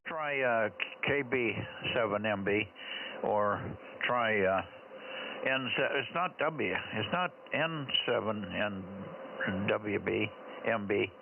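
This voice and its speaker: A man's voice: lowish voice, slow pace, vocal fry. A man running an amateur radio net, talking casually as net controller and using radio call-sign phonetics. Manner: spells out call signs in phonetics. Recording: narrowband, very noisy two-way radio audio.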